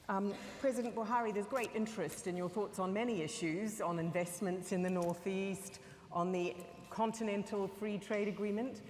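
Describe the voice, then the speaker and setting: A woman moderating an audience question session, briskly passing the microphone around. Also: mid-range voice. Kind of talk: moderating a panel Q&A. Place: large conference hall. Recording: echoey hall with room noise.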